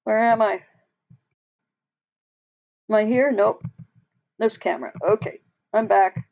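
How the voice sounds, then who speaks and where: A woman's voice: medium pitch, slow pace, vocal fry, dull audio. A woman hosting a casual live chat with her viewers, talking in a loose, rambling way with frequent laughs and trailing sentences. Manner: chatty, laughs often, trails off mid-sentence. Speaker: livestream host.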